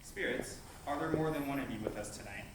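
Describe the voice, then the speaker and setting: A man's voice: mid-range voice, brisk, recorded from a distance. A man on a ghost-hunt team, steadily asking spirits yes-or-no questions inside a large old building. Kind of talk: dowsing-rod questioning of spirits. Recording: echoey room with steady background noise.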